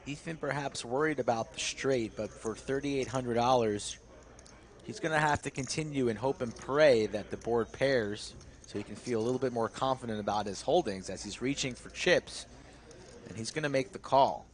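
A man's voice: medium pitch, normal speed. A man working as a poker commentator on a live stream, narrating play with dramatic flourishes.

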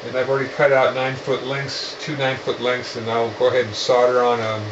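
A man calmly talking through a home radio antenna build, halting and full of fillers and restarts. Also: medium pitch, roomy sound. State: out of breath. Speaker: amateur radio hobbyist. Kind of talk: casual filmed project walkthrough. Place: house, moving between rooms. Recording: dull lo-fi with clear noise.

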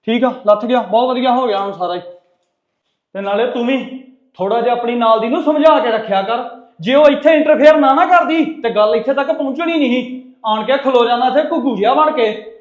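A man's voice: extremely high pitch, fairly quick. A man playing a curt, irritable family man, echoey. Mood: irritated. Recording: echoey, dull lo-fi room.

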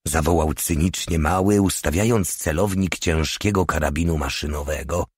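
A man reading a war novel aloud in measured, steady narration. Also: rumbling low, slightly rough, no room sound, clean studio sound. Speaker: audiobook reader. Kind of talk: scripted narration.

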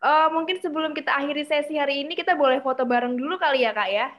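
Female moderator, friendly, reads viewer questions, higher voice over a dull video call. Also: quick pace. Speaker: class moderator. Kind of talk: hosting an online class.

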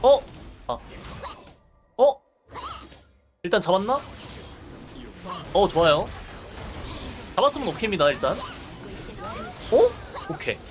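A man commentates casually over a game on his livestream. His voice sits a little high and swings widely in pitch as he drops short exclamations and asides. Music plays behind him. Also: big pitch swings, slow, pauses often.

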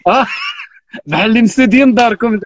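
Talking fast in a very high voice, a Moroccan man in his thirties runs a live stream from his phone on a live video call, with a little hiss or hum in the sound. It's joking, casual chat, full of teasing and frequent oaths.

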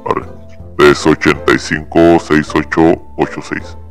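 Mexican man, demonic voice filter pushing his voice ultra low, loose slangy gaming banter. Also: level tone, unhurried, faint music behind. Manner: slangy, swearing, joking banter. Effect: demonic voice-changer filter, very deep. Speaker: gamer. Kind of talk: casual gaming chat with a friend.

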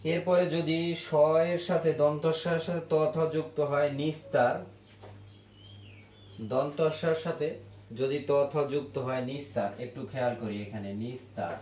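A man teaching a grammar lesson at a board, repeating each word slowly to drill how it is pronounced. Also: fairly high pitch, darkish tone. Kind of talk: classroom grammar lesson at a whiteboard. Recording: echoey room with faint ambient noise.

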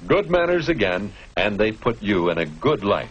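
A man with a fairly low, husky voice narrates a 1950s educational film at normal speed, sounding very animated as he instructs and poses rhetorical questions to the viewer. The recording is muffled and comes from a noisy old 1950s film soundtrack.

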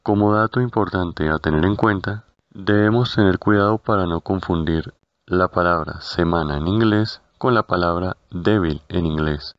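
A man narrating a scripted language lesson, speaking slowly and carefully and repeating each word. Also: sits low, no echo. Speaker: language teacher. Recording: dull, lo-fi.

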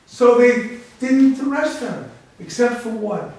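A man's voice: very high-pitched, expressive, takes it slowly, a little mellow. A man from the United States, a rabbi giving a public lecture with emphatic rhetorical questions. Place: large echoey library hall. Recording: echoey hall from far off.

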